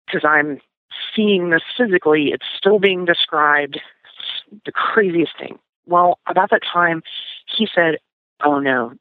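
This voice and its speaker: Through a tinny phone connection that's dry and echo-free, a woman with a low voice tells a casual personal story as a guest, with frequent fillers and restarts.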